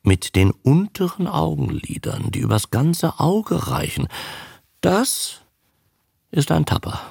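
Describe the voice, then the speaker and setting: A man's voice: on the high side, very animated, takes it slowly, gravelly, darkish tone, husky, no echo, studio quality, voice pushed up, heavily acted. A man voicing an uneasy, superstitious innkeeper who speaks hesitantly and fearfully.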